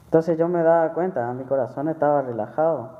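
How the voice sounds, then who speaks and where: A man's voice: on the high side, brisk. Male preacher, chatty sermon testimony, repetitive phrasing, thin lo-fi sound in a reverberant hall. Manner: conversational, repeats phrases, frequent tag questions. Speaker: church member preaching. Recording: tinny phone-like sound with long hall reverb.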